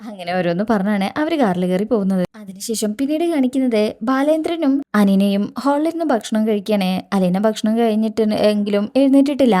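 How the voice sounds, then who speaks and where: Mellow woman recapping a serial. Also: mid-range voice, a little fast, few pauses. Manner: steady, matter-of-fact retelling. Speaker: serial review narrator. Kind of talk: storytelling episode recap.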